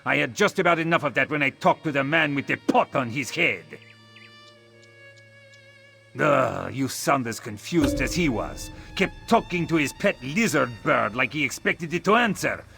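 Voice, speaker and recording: A man with a mid-range, animated voice speaks at a moderate pace with vocal fry, hardly pausing, his tone pushed and bright over faint background music. He's an actor in a fantasy video game voicing a suspicious, scornful local man, sounding accusing and exasperated.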